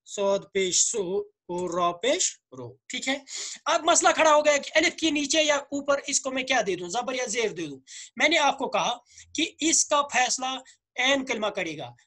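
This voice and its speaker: Kashmiri-accented guy, bit hoarse, teaching grammar, keeps repeating words and quizzing himself. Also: extremely high pitch, fairly bright tone. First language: Urdu. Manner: repeats and drills words slowly, asks questions then answers them. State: slightly hoarse. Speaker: Arabic teacher. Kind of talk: spoken grammar lesson.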